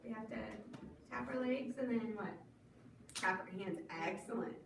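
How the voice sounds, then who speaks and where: A woman runs a children's storytime, leading rhymes and songs in a slow, animated sing-song. Her voice is fairly high and sounds distant, caught in an echoey room with clear background noise. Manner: animated, encouraging, exaggerated sing-song delivery.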